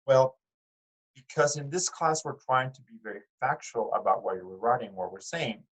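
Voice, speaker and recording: A man's voice: medium pitch, expressive, normal speed, rough recording. A man teaching an art class, speaking conversationally to his students with fillers and restarts, often putting questions to them. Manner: addresses students directly with questions. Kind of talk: recorded class lecture.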